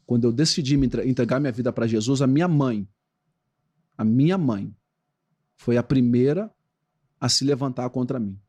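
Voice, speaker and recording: Brazilian male pastor, podcast guest, preaching rhythm, mid pitch. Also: moderate pace, long pauses, slightly rough. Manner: animated preaching cadence. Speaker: pastor and former footballer. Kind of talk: podcast interview.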